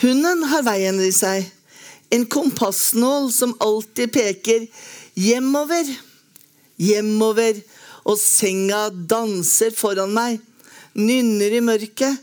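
A woman reading a lyric poem aloud in a slow, measured, lyrical way with long pauses. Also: a little high, a little mellow. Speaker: poetry reader.

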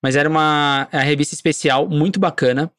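A podcast host who talks quickly and playfully, joking with the guest and co-host. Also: medium pitch, steady tone, a bit bright, dry recording, studio quality. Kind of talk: casual podcast interview.

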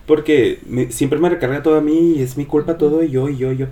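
Gossip comes from a podcast co-host in a casual chat, told with animated flair as he acts out the quoted voices. He speaks fairly quickly, with a fairly high pitch.

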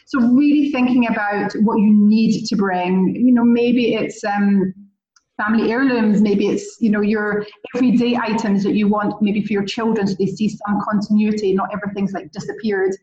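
A relocation concierge from Scotland, speaking with a Scottish accent, is a podcast interview guest telling chatty, enthusiastic stories. Her medium-pitched, darkish voice moves at a normal pace with fairly even intonation, and the recording sounds roomy, distant, and muffled.

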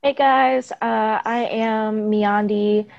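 A woman's voice: a little high, fairly even intonation, very slow, gravelly, darkish tone, no echo, dull audio. A woman in her early twenties speaking candidly and reflectively as a panel guest. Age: 20s. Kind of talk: casual discussion.

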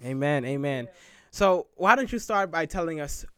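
A man's voice: a little high, lively intonation, moderate pace, fairly bright tone, clear, resonant tone, no room sound, studio quality. A man hosting a faith podcast interview, upbeat and effusive as he welcomes listeners and asks questions. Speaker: podcast host.

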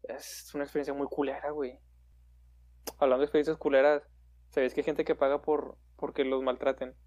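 A man's voice: mid-range voice, level tone, fairly quick, a little mellow. A man hosting a livestream chat, heavy on slang and joking with his audience. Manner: slangy, says "güey" constantly, joking with viewers. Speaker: livestream host. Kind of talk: casual chat.

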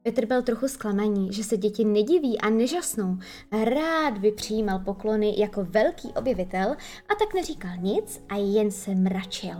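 A woman reading a children's story aloud with expressive storytelling. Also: medium pitch. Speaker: narrator.

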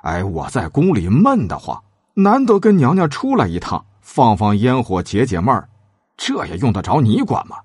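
A man voicing a foolish, giddy ancient king in a high, excited tone. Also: normal speed, husky, no room sound, clean studio sound. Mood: gleeful. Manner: high, excited, pleased with himself.

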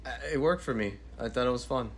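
A man's voice: medium pitch, fast, slight background noise. A man co-hosting a podcast, giving a playful, enthusiastic movie review in casual chat. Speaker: podcast co-host.

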